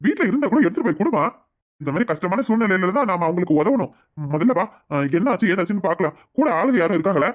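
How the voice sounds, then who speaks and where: A man's voice: high-pitched, animated, quick pace. A man voicing a firm, level-headed cartoon husband. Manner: firm, reasoning. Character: calm cartoon husband trying to keep peace. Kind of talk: cartoon voice acting.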